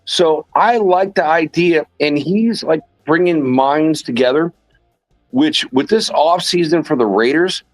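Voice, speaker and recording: A man's voice: on the high side, no echo, low-quality recording. An older man on a casual podcast panel who rambles and repeats himself for emphasis.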